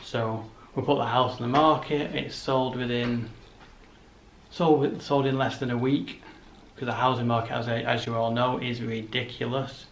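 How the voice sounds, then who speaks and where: A man's voice: mid-range voice, little pitch movement, a little slow, rough recording. A man in his thirties vlogging in a casual, rambling, matter-of-fact way as he walks through a house, recorded on a handheld camera. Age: 30s. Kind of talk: casual walkthrough chat to camera. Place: rooms of a house, indoors. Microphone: camera held at arm's length. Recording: handheld camera with clear background noise.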